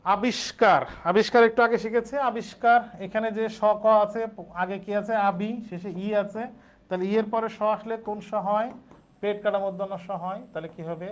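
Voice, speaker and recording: A man teaching a spelling lesson, explaining step by step and answering his own questions. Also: high voice.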